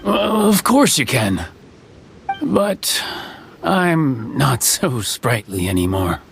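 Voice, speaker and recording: A chuckling old carpenter. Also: male voice, mid-range voice, very animated, slow pace, gravelly, a little hiss or hum, exaggerated voice. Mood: genial. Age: older. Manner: chuckling, easygoing. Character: jovial old male carpenter, folksy. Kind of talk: video game voice acting.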